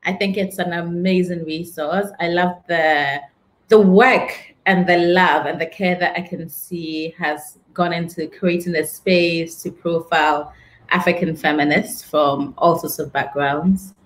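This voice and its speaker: A woman hosts an interview over a video call from an office. Her voice sits low for a woman, and she speaks effusively, heaping praise on her guest. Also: steady tone, unhurried. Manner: effusive, praising, laughs often. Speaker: interview host. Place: indoor office with a frosted glass wall.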